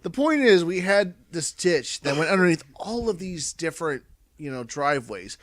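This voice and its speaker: A man's voice: fairly high pitch, sing-song, moderate pace, fairly bright tone, no echo. Drunk american guy rambling through a story, swears a lot, voice swings all over, pretty dry sound. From Indiana, United States. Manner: drunk, rambling, profane, repeats himself. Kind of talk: casual drunk storytelling among friends.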